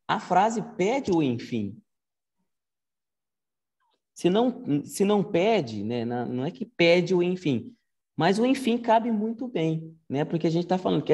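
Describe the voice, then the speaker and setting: A man's voice: fairly high pitch, darkish tone. A man giving a casual online Latin lesson, explaining step by step and often checking in with "né?". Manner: conversational, explains step by step with frequent "né?". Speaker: Latin teacher.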